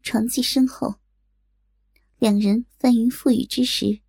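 Gravelly, husky woman narrating a story. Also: on the high side, steady tone, a little slow, dark tone, no room sound, studio quality.

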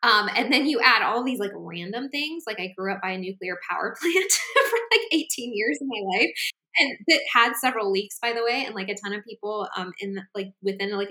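A woman talking on a podcast in a loose, chatty way, leaning on fillers as she goes. Her voice is bright and forward. The sound carries a roomy echo. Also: medium pitch. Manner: frequent "like" and "um" fillers, animated. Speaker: podcast co-host. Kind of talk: casual podcast chat.

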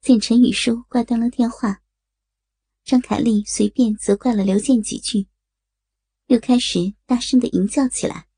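A woman narrating an explicit adult audio story in a steady, matter-of-fact reading voice. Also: a little high, normal speed, breathy edge, no echo. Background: faint music.

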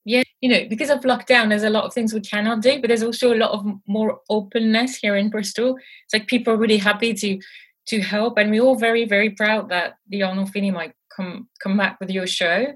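A woman's voice: mid-range voice, steady tone, fairly quick. A woman hosting an interview, asking long, multi-part questions with some hesitation. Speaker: interviewer host. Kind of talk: conversational interview.

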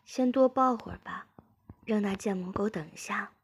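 A woman voicing an eager, playful and submissive young woman, speaking softly and coaxingly with a breathy, husky tone. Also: mid-range voice, normal speed, a little hiss or hum, natural voice.

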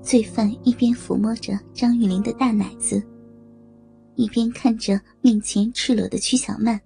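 Husky woman narrating a story. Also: fairly high pitch, normal speed, soft background music. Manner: steady, even storytelling narration. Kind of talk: scripted narration of an audio story.

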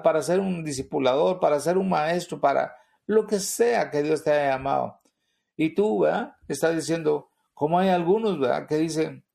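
Middle-aged male pastor, gravelly, a bit high, earnest repetitive preaching style. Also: a little mellow. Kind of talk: sermon.

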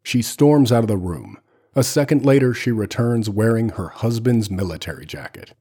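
A man hosting a screenplay read-through, reading stage directions in a measured, expressive way. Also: lowish voice, husky.

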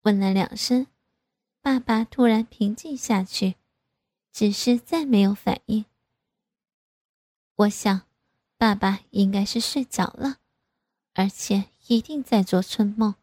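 A woman reading a first-person story aloud in a slow, even way. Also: mid-range voice, no room sound. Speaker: narrator.

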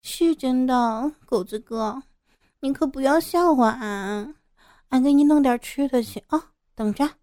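A woman voicing a gentle young village girl who talks softly and hesitantly while hiding her sorrow. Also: sits high, measured pace, dry recording, studio quality, voice pushed up. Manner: soft, hesitant and tender.

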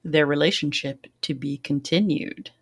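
A woman with a slightly low voice recaps a book's plot in a relaxed podcast conversation. She talks casually and pokes fun at herself as she shares her reactions. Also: moderate pace, breathy edge. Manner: chatty, self-deprecating. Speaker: podcast host.

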